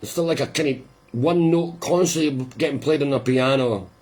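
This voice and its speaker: Husky man chatting through a record. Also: mid-range voice, moderate pace. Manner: chatty, rambling, quietly amused. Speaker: host of a live listening party. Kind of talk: casual live commentary.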